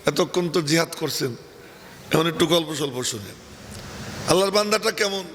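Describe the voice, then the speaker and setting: Here an older male preacher addresses a crowd in an open-air sermon at a religious gathering, talking at normal speed in an expressive, slightly high, somewhat bright voice. His delivery is chatty and teasing with asides. A long hall echo and faint ambient noise fill the recording.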